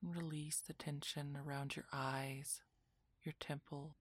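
A woman narrating a guided relaxation meditation in a soft, soothing, breathy voice that often drops into a whisper, like a spa session. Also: low voice, little pitch movement, takes it slowly, dry recording.

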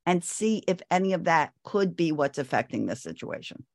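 A woman's voice: on the low side, big pitch swings, moderate pace, a little mellow, dry recording, clean studio sound. A woman in her sixties, a parenting expert guest, giving firm advice and stressing her points by repeating them. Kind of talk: advice interview.

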